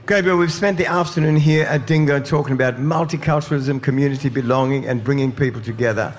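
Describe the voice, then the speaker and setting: A man's voice: mid-range voice, fast talker. A man presenting live community radio from a festival, who interviews a guest and hypes the audience with enthusiasm. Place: outdoor festival live broadcast.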